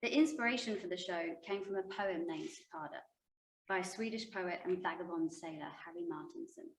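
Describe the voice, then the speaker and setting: Woman reading a pitch in a roomy hall. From England. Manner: measured, read-aloud delivery. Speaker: circus performer pitching a show. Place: arts centre stage before a live audience. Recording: echoey hall from far off, faint noise.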